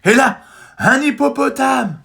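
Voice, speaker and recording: A man voicing a boastful, bossy male blackbird who is quick to take offense, in a children's storybook reading. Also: very high voice, creaky, slightly rough, voice pushed up, full character voice. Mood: excited shouting. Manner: loud, self-assured, proclaims his own name.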